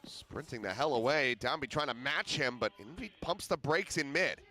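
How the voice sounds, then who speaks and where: A man's voice: mid-range voice, lively intonation, normal speed, bright, forceful tone. A man working as an esports caster, calling live game action in clipped, running play-by-play phrases. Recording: game noise, gunfire and clicks behind. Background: video game sound effects.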